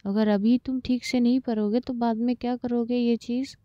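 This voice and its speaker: A woman voicing a moody, quick-tempered young woman in a spoken story, with snappy, terse lines. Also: on the high side, flat delivery, mellow, no echo, lo-fi sound, natural voice. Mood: curt. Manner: snappy and terse when upset.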